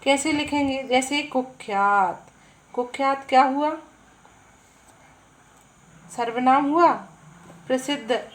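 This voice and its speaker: A woman's voice: high voice, poor audio. A woman teaching Hindi grammar. She explains with everyday examples, asks questions and answers them herself, and often checks in with "है ना". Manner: drawn-out, deliberate pacing with frequent "है ना" check-ins. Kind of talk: explanatory lesson.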